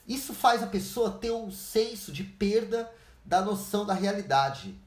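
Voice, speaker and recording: A woman's voice: mid-range voice, animated, unhurried. A Brazilian woman hosting a podcast monologue, earnest and explaining, who acts out bits of dialogue in changing voices. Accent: Brazilian Portuguese. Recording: echoey room.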